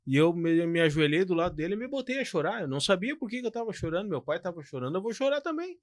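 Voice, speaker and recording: A man, co-hosting a pastoral podcast in a casual, animated storytelling way. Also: high voice, fast, no echo. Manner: animated, storytelling, frequent "cara" and "tu". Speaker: podcast co-host.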